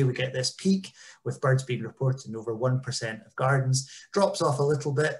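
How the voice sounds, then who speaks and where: A man presents to a conference over a video call in a chatty, informal way. His voice sits at a middling pitch, and he often drops in ums as he goes. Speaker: engagement officer. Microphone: video call webcam.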